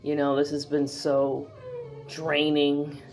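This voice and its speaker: A female vlogger from the northeastern US chats to her camera in a rambling, casual way, with lots of fillers and restarts. Her voice is low, slow, slightly mellow, and utterly flat.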